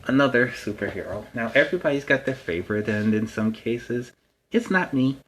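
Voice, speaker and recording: A man's voice: medium pitch, lively intonation, a little fast, fairly bright tone, a little hiss or hum, natural voice, low-quality recording. A man playing Spider-Man as a friendly, chatty superhero, casually telling stories to children and explaining things simply in a rambling way. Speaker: host of a story time series. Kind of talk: casual in-character storytelling to children.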